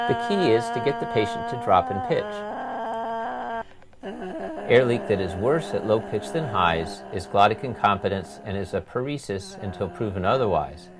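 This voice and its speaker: Low-voiced man narrating medical lecture. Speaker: laryngologist lecturer.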